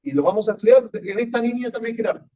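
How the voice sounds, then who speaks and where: A man's voice: very high-pitched, fast, warm tone. A man teaching a Bible class as a pastor, emphatic and often questioning his listeners. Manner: emphatic, asks the audience often, rising and falling sharply. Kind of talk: sermon-style Bible teaching with congregation questions. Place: church meeting room. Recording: dull lo-fi church recording.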